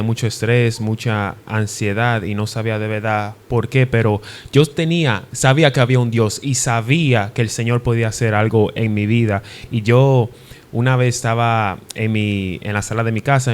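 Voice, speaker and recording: Speaking at a normal speed with a mid-range voice and fairly even intonation, a young adult preacher from the Dominican Republic tells his testimony as an interview guest. He's sincere but hesitant, restarting as he goes.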